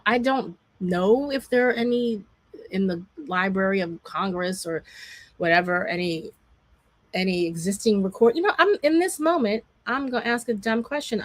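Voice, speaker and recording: A woman's voice: on the low side, no echo. A woman hosting a casual livestream from her home, talking in a chatty, digressive way with emphatic asides. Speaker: food historian hosting a livestream. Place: indoors at home by a window. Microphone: webcam or laptop mic on a livestream.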